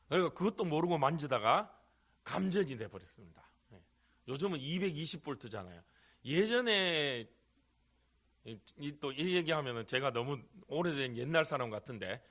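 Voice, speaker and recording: Middle-aged male pastor, fairly high voice, earnest sermon delivery that builds to emphatic peaks, miked in church. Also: a bit bright. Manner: earnest preaching, rises to emphatic cries. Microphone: handheld or stand microphone.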